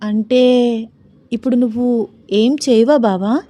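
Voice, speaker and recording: A woman's voice: fairly high pitch, a little slow, dark tone, dry recording. A woman voicing a shy young bride who speaks bashfully and hesitantly in a storybook reading.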